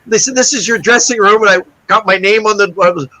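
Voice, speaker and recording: Heard on a low-quality recording, this high-pitched middle-aged man speaks at a quick pace. As a guest magician in an informal interview, he animates his story by voicing the lines of the other people in it.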